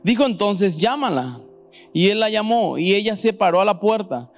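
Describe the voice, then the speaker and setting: A pastor with a Paraguayan Spanish accent preaches a sermon during a church service, speaking animatedly and putting questions directly to the congregation. His voice is high-pitched and at normal speed, with soft music in the background.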